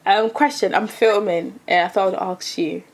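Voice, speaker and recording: A woman's voice: mid-range voice, fairly even intonation, normal speed, a little hiss or hum. Chatty woman vlogging at home. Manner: chatty, playful, sings along to music. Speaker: vlog host. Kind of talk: tipsy casual chat to camera.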